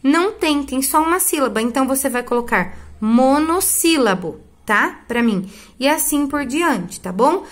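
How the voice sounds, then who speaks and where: A middle-aged Brazilian woman teaches a recorded remote lesson in a fairly high voice. She draws each example word out slowly and checks in with her students, addressing them with fond, familiar terms. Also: lively intonation. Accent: Brazilian Portuguese. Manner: affectionate, drawn-out example words with frequent "tá?" check-ins. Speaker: school Portuguese teacher.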